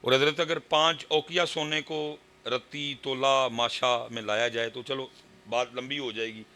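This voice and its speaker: A Pakistani man with a Punjabi accent preaching a sermon at a religious gathering, moving from quiet talk to high shouted exhortation. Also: steady tone, a little slow. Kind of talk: impassioned sermon.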